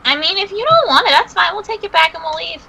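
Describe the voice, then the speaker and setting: A woman's voice: very high voice, lively intonation, fast talker, creaky, pushed and bright, low-quality recording. A woman playing a tabletop game, speaking in a matter-of-fact, dry way. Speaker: player. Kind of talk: tabletop role-play chat.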